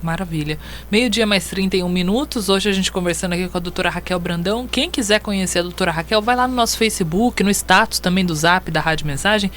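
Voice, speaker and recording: A woman's voice: fairly low pitch, quick pace, hardly any pauses, fairly bright tone, slight background noise. A woman hosting a live radio interview in a chatty, informal way, her voice sounding unwell and off. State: under the weather, voice off and monster-like as self-described. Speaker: radio host.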